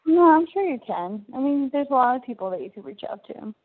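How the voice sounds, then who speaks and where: A woman's voice: sits high, sing-song, fast talker. A woman talking over a prison phone line, eagerly explaining things in a casual way with many "like"s. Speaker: person on the other end of a prison call.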